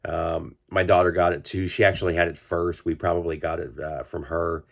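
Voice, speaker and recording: A man's voice: low voice, flat delivery, normal speed, creaky. A man, congested from illness, casually chatting about vinyl records with lots of fillers and restarts. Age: 40s. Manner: rambling, many fillers and restarts. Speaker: vinyl collector channel host. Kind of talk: casual record-collecting vlog.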